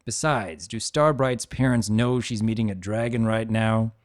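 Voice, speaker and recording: A man with a lowish voice reads fan fiction in the first person, playing an easygoing, avuncular adult dragon who recounts his own story with wry conversational asides. His measured, natural delivery is firm and reassuring, recorded in a clean studio with no room sound.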